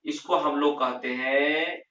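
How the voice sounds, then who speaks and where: Male grammar teacher, deliberate, repeats himself; roomy, muffled, distant recording. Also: fairly high pitch, fairly even intonation, sharp tone, slight background noise. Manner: repeats key terms, slow and emphatic, asks and answers himself. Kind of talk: classroom lesson explaining grammar. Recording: roomy, distant, dull lo-fi sound.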